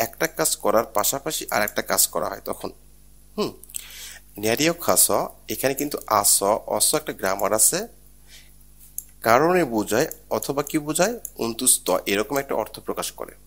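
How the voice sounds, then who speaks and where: A man with a somewhat low voice teaches an exam prep lesson. He goes through each question patiently, repeating key points and asking rhetorical questions before he gives the answer. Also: creaky, a bit bright. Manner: explains step by step, repeats and asks rhetorical questions. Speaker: Korean language teacher.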